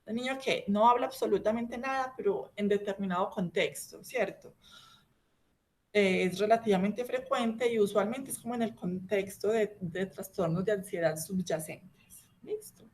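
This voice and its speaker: A woman's voice: mid-range voice, normal speed. A woman doctor giving an educational talk on children's language disorders, explaining step by step and often checking in with the listener.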